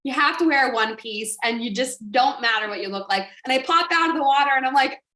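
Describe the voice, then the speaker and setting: High-voiced woman giving a motivational talk. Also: fast, bright, forceful tone, echoey room. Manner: emphatic, rhetorical questions. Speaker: business coach.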